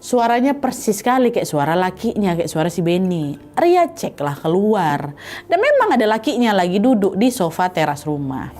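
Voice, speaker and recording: A woman's voice: medium pitch, sing-song, normal speed, darkish tone, faint music behind. A woman telling a story in a chatty, casual way while eating, often turning to talk to her listener. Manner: chatty, addresses listener directly.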